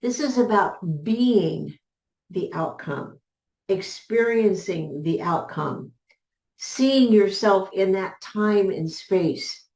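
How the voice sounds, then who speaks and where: A woman business coach giving a motivational teaching talk, measured and repeating key words for emphasis. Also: mid-range voice, animated, darkish tone, reverberant.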